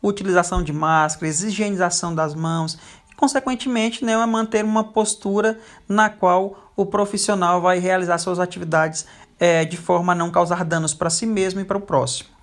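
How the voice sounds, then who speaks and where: A teacher giving a recorded lecture over slides, pausing often with fillers. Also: mid-range voice, fairly even intonation. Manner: frequent hesitation fillers.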